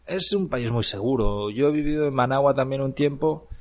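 Speaking from Granada, Nicaragua, this Barcelona-born podcast host in his thirties tells his own story in a slow, reflective monologue about living abroad. His mid-range voice is a little mellow, his accent Barcelona Spanish, and he often uses fillers and restarts.

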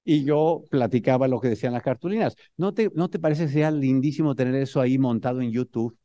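A man with a Mexican accent telling a humorous story to an audience in an animated, motivational speaking style. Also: medium pitch, fairly quick.

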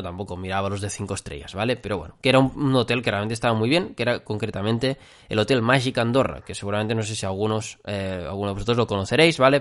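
A man from hosting a casual solo podcast, rambling and often tacking on quick check-ins with his listeners. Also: on the low side, fairly bright tone. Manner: rambling, full of fillers and "¿vale?" check-ins. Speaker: podcast host.

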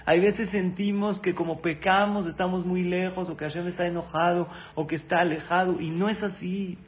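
A man's voice: high voice, fairly even intonation, moderate pace. A man giving a sermon-style lesson, asking listeners questions and speaking to them directly, with Hebrew terms woven into his speech. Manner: weaves Hebrew terms into Spanish. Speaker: religious teacher. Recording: tinny phone-like audio with faint noise.

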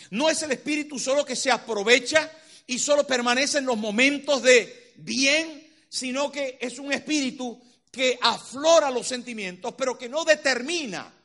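A man's voice: very high-pitched, sharp tone. A man preaching a sermon, dramatic and full of rhetorical questions to the congregation.

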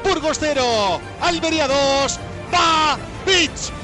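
A man commentating on football in a breakneck, impassioned goal-call style, shouting drawn-out repeated cries and names. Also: very high-pitched, fairly even intonation, over music.

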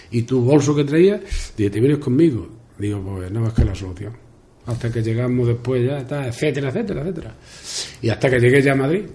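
Older Extremaduran man with mellow voice. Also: mid-range voice. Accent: Extremaduran Spanish. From Spain. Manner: rambling, repeats words, acts out dialogue. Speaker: interview guest. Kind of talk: storytelling in an interview. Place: local radio studio.

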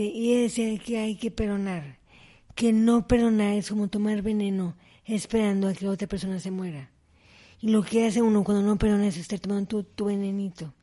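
A middle-aged woman, telling personal stories as an interview guest and acting out the dialogue. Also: medium pitch. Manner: animated storyteller, acts out dialogue. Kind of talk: personal storytelling in conversation.

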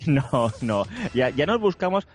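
A man's voice: medium pitch, sing-song, measured pace, slight background noise. A man with a Spain Spanish accent, co-hosting a podcast with playful, rambling jokes. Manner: playful, jokey, rambling riffs. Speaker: podcast co-host. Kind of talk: casual comedic chat. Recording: dull, dry lo-fi sound.

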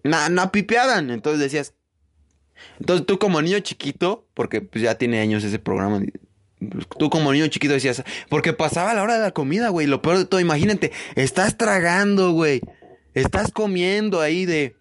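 A man's voice: fairly high pitch, a little fast. A man with a Mexican Spanish accent in a profane, rambling, mocking comedic monologue.

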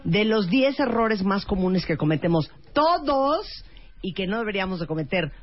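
A woman hosting a radio talk show, lively and direct, quick to react and push the conversation forward. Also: medium pitch. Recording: dull broadcast radio sound.

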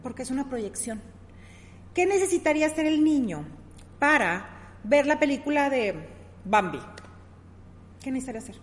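A woman's voice: high voice, lively intonation, moderate pace, long pauses, in a large hall. A middle-aged woman who explains ideas in a conversational teaching style, working through examples and often checking "¿sí?" with her listener.

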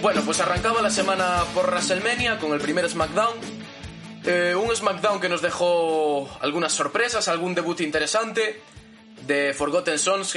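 Bright, high-voiced man hosting wrestling commentary. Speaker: podcast host. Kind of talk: conversational wrestling podcast commentary. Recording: music bed behind the voice. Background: guitar music.

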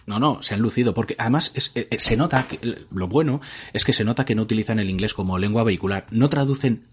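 A man's voice: fairly low pitch, fast, slight background noise. A man from co-hosting a podcast, chatting casually and hesitantly, restarting his sentences as he thinks aloud. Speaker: podcast co-host. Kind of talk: casual chat about video games.

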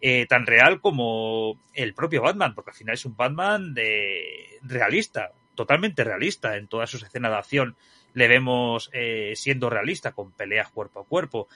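A man co-hosting a casual film review chat, animated and repeating his points for emphasis. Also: mid-range voice, normal speed, no echo. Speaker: podcast co-host reviewing a film.

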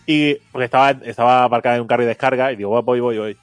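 A man tells a casual story on his stream, laughing easily and voicing the people he quotes. His voice sits mid-pitch and is recorded dry and close, with faint music underneath. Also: rapid-fire, no echo. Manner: animated storyteller, laughs often, acts out quotes. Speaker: streamer and show host.

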